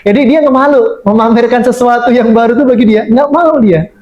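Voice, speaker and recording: A man giving a lively religious lecture to teachers as an Islamic teacher, acting out children's words. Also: very high voice, brisk, a crowd in the background. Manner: lively, acts out children's quoted speech. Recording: muffled lo-fi recording.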